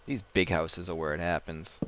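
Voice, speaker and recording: A man's voice: low-pitched, fairly even intonation, normal speed. A man giving casual, rambling gameplay commentary, self-deprecating and swearing now and then. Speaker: gamer. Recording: noisy home mic recording.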